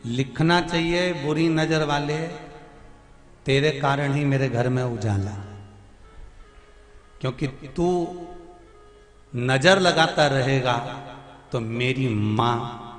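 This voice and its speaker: A man's voice: medium pitch, slow pace, long pauses, a bit bright. A man, giving a devotional sermon in a folksy, teasing way, sometimes half-singing. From Madhya Pradesh, India. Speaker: religious storyteller. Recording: echoey hall with music behind.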